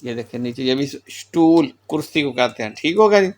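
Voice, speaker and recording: A man's voice: medium pitch, lively intonation, moderate pace, a little mellow. A man teaching German pronunciation in a recorded lecture, with a Pakistani Urdu accent. He explains patiently, repeats example words and mixes in English phrases.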